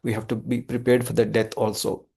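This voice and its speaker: A man with an Indian accent teaching a devotional scripture class in a halting, conversational way. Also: mid-range voice, flat delivery, vocal fry, dark tone, breathy edge. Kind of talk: devotional lesson with verse recitation.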